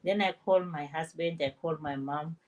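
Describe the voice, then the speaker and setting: An older woman from South Africa, a nurse and grandmother, telling her story with lively animation on an online panel. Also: low voice, brisk, poor audio. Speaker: panel guest.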